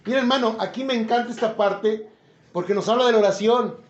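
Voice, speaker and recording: High-voiced Mexican preacher in an echoey room. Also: male voice, fairly quick. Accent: Mexican Spanish. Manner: chatty, jokes, asks the listeners questions. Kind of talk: informal Bible teaching to a congregation. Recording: echoey room, slightly dull sound.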